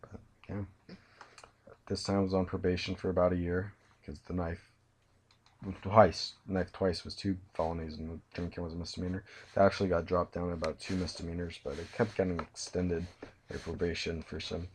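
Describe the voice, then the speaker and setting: A tired young man recounting his life story from bed, speaking haltingly with many pauses and restarts. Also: low voice, flat delivery, darkish tone, slightly rough. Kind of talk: personal storytelling. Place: in bed at home.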